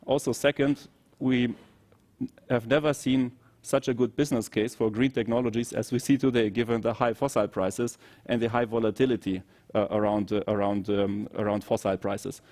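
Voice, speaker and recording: A man with a German accent giving an expert overview as a consultant guest, measured and analytical with frequent fillers. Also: mid-range voice, steady tone, darkish tone. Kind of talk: expert briefing in conversation.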